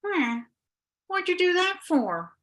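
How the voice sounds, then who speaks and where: A woman storyteller voicing a tiny, mischievous female witch in a high, playful, singsong voice. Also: big pitch swings, slow pace, a bit bright, heavily acted. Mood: puzzled.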